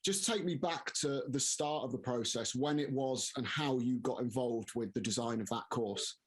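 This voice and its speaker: A man's voice: mid-range voice, moderate pace. A man interviewing guests for a sports programme.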